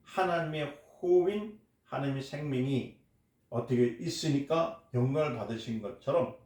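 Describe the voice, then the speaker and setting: A man's voice: mid-range voice, normal speed, darkish tone. A male pastor delivers a sermon in a mid-range voice, pressing his points with repeated questions to the congregation. His voice rings through a reverberant church hall. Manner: emphatic, asks the congregation questions and answers them.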